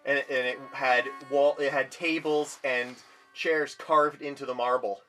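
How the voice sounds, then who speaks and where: A man's voice: medium pitch, steady tone, measured pace, bright, forceful tone, faint music behind, poor audio. A man chatting casually and with awe as he explores a cave as an amateur caver. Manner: awed, marveling. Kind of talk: casual exploration vlog chat. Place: in and around a small marble cave.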